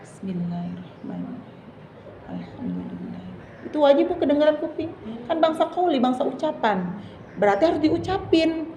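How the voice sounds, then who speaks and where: A woman's voice: high-pitched, animated, warm tone, slight background noise. Woman teacher in an echoey hall. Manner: drawn-out demonstrative recitation, asks the audience questions. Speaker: Islamic teacher. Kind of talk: religious study lesson to women. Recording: distant echoey hall, dull lo-fi sound.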